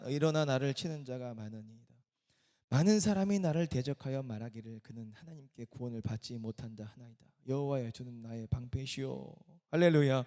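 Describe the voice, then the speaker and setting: A man's voice: mid-range voice, a little mellow. A man preaching a sermon at a church worship service. He speaks emphatically and keeps asking the congregation questions. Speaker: pastor. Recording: long reverb of a large hall.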